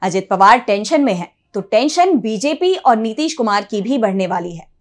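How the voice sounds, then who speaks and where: Animated high-voiced woman delivering breaking news. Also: normal speed. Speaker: news anchor. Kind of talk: breaking news presentation, scripted.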